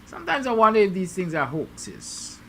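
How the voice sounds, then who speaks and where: A man's voice: sits high, huge pitch swings, moderate pace, creaky, a little hiss or hum. A Guyanese man hosting a morning show, musing aloud with rhetorical, sarcastic questions to his viewers. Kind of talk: opinion monologue to viewers.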